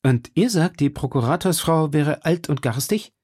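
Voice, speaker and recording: A man voicing a courteous young cavalier in an audiobook reading, speaking in a calm, reassuring way. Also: fairly high pitch, moderate pace, breathy edge, dry recording, clean studio sound, pitched above the performer's own voice. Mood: assured.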